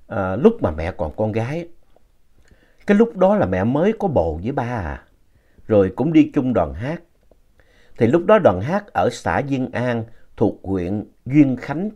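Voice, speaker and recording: A man narrating a ghost story in a slow, retelling manner. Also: medium pitch, big pitch swings, dark tone.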